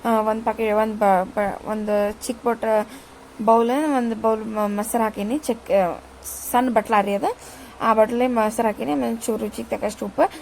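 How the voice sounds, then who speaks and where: A woman's voice: on the high side, fairly even intonation, normal speed, vocal fry, a little mellow, a little hiss or hum, low-quality recording. A woman, chatting casually to viewers as she cooks in her home kitchen. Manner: chatty, rambling, addresses viewers with "ri". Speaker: vlogger. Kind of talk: casual cooking narration.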